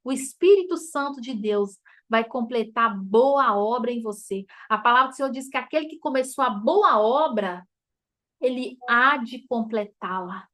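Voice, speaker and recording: High-voiced Brazilian woman mentor. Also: animated, normal speed, a bit bright. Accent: Brazilian Portuguese. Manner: chatty and emotive, addressing listeners as "gente", laughs often. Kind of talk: informal teaching talk to a group.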